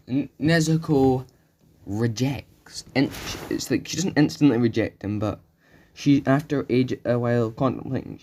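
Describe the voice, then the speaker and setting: A man's voice: mid-range voice, warm tone, a little hiss or hum. A man casually telling an unscripted fan story, rambling and correcting himself as he goes.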